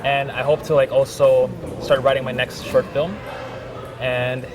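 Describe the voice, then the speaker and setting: A man's voice: mid-range voice, little pitch movement, measured pace, noisy background. A young man, a filmmaker guest, talking in a casual interview with lots of "like" fillers. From Thailand. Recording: music playing behind.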